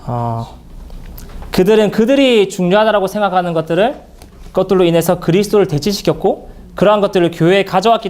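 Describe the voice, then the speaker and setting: A man speaking at a church Bible seminar in an earnest, halting way, with many fillers and restarts. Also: high-pitched, darkish tone.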